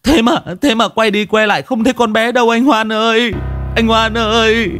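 A man's voice: extremely high pitch, level tone, moderate pace, music in the background, pitched above the performer's own voice. A man voicing a panicked young husband who stammers and pleads through sobs in a ghost story reading. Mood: panicked pleading. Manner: wailing, breathless pleading.

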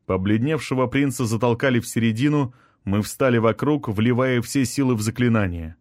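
A man narrating a first-person fantasy audiobook in a steady, measured reading. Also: medium pitch, no room sound, studio quality. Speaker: audiobook reader.

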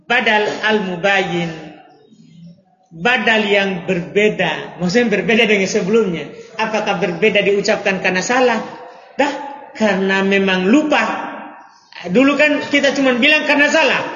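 High-voiced man teaching grammar. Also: expressive, normal speed, long pauses, sharp tone. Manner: questioning students, playful examples. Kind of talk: classroom lesson. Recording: echoey hall, dull audio.

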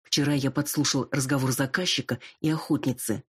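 A man's voice: medium pitch, fairly even intonation, brisk, a bit bright, husky. A woman reading the part of a nervous aging male singer who is a fox, talking in pleading, reluctant confessions. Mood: confiding.

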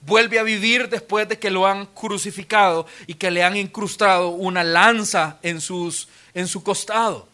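A proud young zealot, male, full of contempt, as a preacher puts him on. He sits high in pitch and speaks with scoffing disdain. It is only a light sketch within a sermon. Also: fairly even intonation, unhurried, hardly any pauses, bright, forceful tone. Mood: scornful.

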